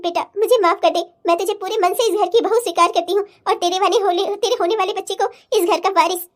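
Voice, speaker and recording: A woman's voice: very high voice, fairly even intonation, fast talker. A woman voicing a fiery older mother-in-law who scolds her daughter and then pleads with her daughter-in-law in a cartoon drama. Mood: repentant. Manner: scolding, emotional. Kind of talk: cartoon family-drama dubbing.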